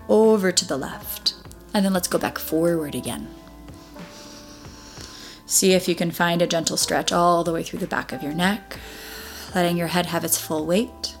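A woman with a fairly low voice teaches a guided Pilates class. She gives encouraging instructions one step at a time. Music plays faintly behind her.

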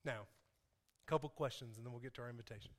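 A man's voice: medium pitch, fast. A man preaching an informal, impassioned sermon to a congregation, repeating phrases for emphasis and dropping in conversational asides.

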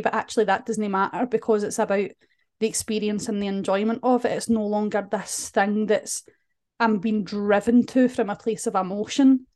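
A woman's voice: medium pitch, darkish tone. A woman speaking as a podcast guest, earnest and candid, often restarting her sentences. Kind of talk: podcast conversation.

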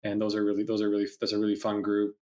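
A man's voice: lowish voice, racing. A man, an entrepreneur and mentor, talking casually in a conversation and acting out customers while he tells stories. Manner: animated storyteller, acts out quoted customers, swears, many restarts.

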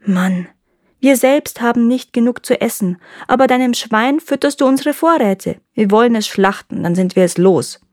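A woman voicing a shrewd, impatient peasant wife who scolds and gives sharp commands in a storybook reading. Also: a little high, animated, normal speed, no echo, clean studio sound, natural voice. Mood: coaxing.

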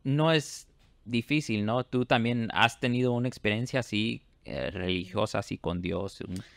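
Gravelly Texan man hosting, hesitant. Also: mid-range voice, moderate pace, fairly bright tone, no echo. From Fort Worth, Texas. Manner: hesitant, many "este" fillers and restarts. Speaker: host. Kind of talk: casual interview conversation.

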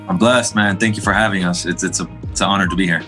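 Soft music plays behind a low, steady, bright and forceful voice as a young adult pastor from Queens recounts his testimony. He talks fast and casually, full of fillers and restarts, as a podcast guest.

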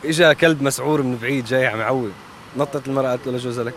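Fast joke teller on the street. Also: male voice, mid-range voice, steady tone, slight background noise. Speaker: passer-by telling jokes.

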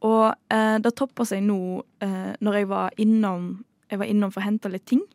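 A chatty woman with a mid-pitched voice, rambling through a casual story with plenty of fillers. The sound is dry and close. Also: little pitch movement, darkish tone, dry recording.

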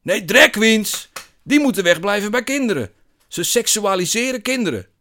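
A man voicing an angry middle-aged man who rants and shouts at a bar, indignant and bellowing. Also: a little high, animated, fairly quick, voice pushed up. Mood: shouting.

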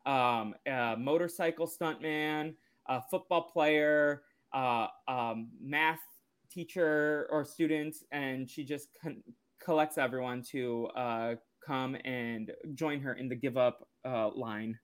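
A man's voice: mid-range voice, slow, clean tone. Man rambling through a cartoon recap. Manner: rambling, loose storytelling. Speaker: podcast co-host. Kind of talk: casual podcast episode recap.

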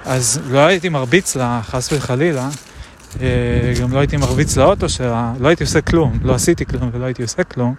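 A man recording a reflective spoken diary outdoors, musing aloud with many pauses and hesitations. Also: mid-range voice. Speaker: video diarist. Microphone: action camera. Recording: traffic noise outdoors.

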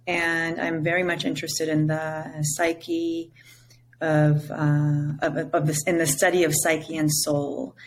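A native Hebrew speaker from Israel, with an Israeli accent, joins a reflective podcast conversation as a guest over a video call. She's a psychedelic integration coach, speaking in a deep, flat voice, slowly and searchingly, with many pauses and fillers. She's at home, by a window looking onto jungle.

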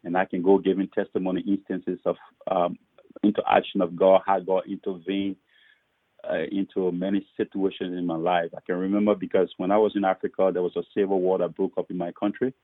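A very low-voiced man from Liberia with a husky tone, speaking over a muffled, phone-like line. He is a pastor sharing his testimony in an interview, earnest, and he often restarts his sentences by repeating words. The sound is dry, with no room around it. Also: little pitch movement, a little fast, no room sound. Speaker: pastor and author.

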